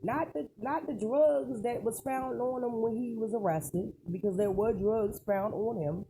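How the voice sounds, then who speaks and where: Warm in tone and unhurried, this mid-range voice belongs to an online celebrity news commentator. They ramble through casual opinions in an emphatic, colloquial style, tossing in rhetorical questions, while clicks and noise are clearly audible.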